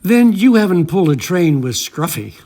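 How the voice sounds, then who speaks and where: A man doing a gravelly old steam engine. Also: high voice, sing-song, normal speed, mellow. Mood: wry. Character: seasoned male steam engine, wry and helpful. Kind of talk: fan audio drama.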